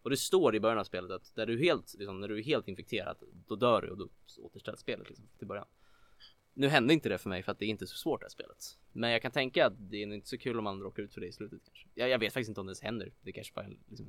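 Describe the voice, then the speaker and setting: A man co-hosting a casual chat about video games, rambling with lots of filler words and getting excited. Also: fairly low pitch, vocal fry, no room sound. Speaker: podcast co-host.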